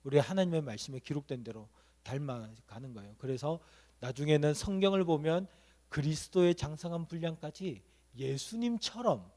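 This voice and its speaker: A man with a fairly high voice preaching to middle schoolers at a church service. He asks the room question after question and answers them himself. Now and then he acts out an inner voice talking straight to the students. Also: a little mellow. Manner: acts out an inner voice speaking to the listener. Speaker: youth pastor.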